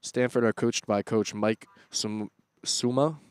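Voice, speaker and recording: A young man doing play-by-play commentary on a school soccer match, jumping up loudly when attacks build. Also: fairly low pitch, takes it slowly, clear, resonant tone, no room sound. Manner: excitable, rising loudly on attacks. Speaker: student sports commentator.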